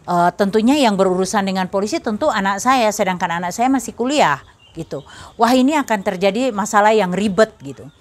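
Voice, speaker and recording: A middle-aged woman tells her faith testimony in an earnest, personal way. Her voice sits at an ordinary pitch for a woman. She speaks directly to her listeners as fellow believers. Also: expressive, a little fast. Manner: earnest storytelling, addressing listeners as brothers and sisters.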